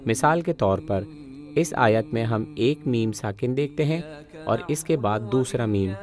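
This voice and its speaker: A man teaching Quran recitation, explaining pronunciation rules in a calm, methodical, step-by-step way. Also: medium pitch, soft background music.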